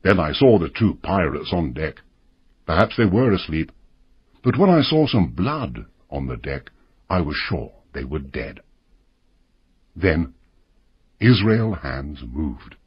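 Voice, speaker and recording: A man reading a story aloud in a measured, expressive way for English learners. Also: very deep voice, slightly rough, no room sound, lo-fi sound. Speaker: narrator.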